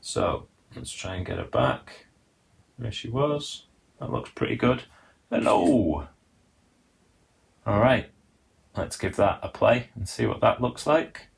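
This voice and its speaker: A man's voice: medium pitch, measured pace, vocal fry, husky. A man hosting a live animation workshop, chatty and explaining step by step while reading out viewer comments. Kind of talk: live-stream teaching demo.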